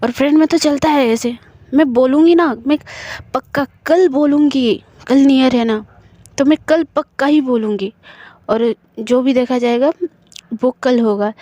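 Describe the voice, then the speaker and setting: A woman reading the part of a chatty young woman in love in an audio story, in a high, dry voice. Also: a little slow, mellow, dry recording. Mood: defensive.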